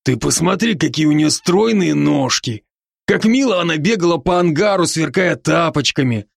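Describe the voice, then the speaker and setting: A brash, teasing werewolf buddy, voiced by a man in an audiobook, his gravelly voice leaping up and down as he jokes. The sound is close and dry. He never stops ribbing his friend. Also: a little high, animated, dry recording, exaggerated voice. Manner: brash, teasing, rapid-fire banter. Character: boisterous, joking adult male werewolf friend. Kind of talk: audiobook character voice.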